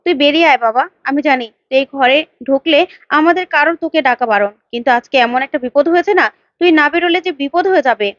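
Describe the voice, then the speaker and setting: A woman's voice: sits high, fast talker, no echo, dull audio, lightly acted. A woman voicing a protective middle-aged mother. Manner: pleading, then scolding.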